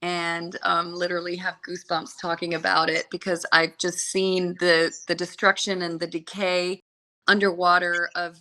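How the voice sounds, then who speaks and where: Her lowish voice comes across flat, bright and pushed at a moderate pace on a low-quality recording. This podcast guest, a Seychelles-born woman with an American accent who works in travel journalism and social media consulting, shares her life story in a meandering, sincere, talkative manner.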